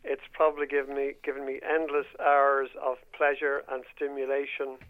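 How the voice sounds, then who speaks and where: A man's voice: mid-range voice, completely flat delivery, moderate pace. Irish-raised man on a tinny phone line. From Ireland. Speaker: music journalist and author. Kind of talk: interview answers.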